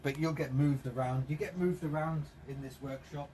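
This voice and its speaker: A man's voice: a little high, steady tone, normal speed, heavy background noise. A man chatting casually on a live stream in a vehicle workshop, wandering and repeating himself. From South East England. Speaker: streamer fixing his van.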